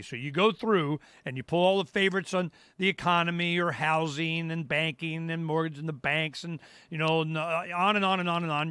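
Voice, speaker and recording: A middle-aged man hosting his own show, walking viewers through a website in a loose, rambling way and exclaiming "boom" often. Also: sharp tone, clear, resonant tone, no room sound. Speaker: radio show host. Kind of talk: casual live-stream walkthrough. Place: home studio.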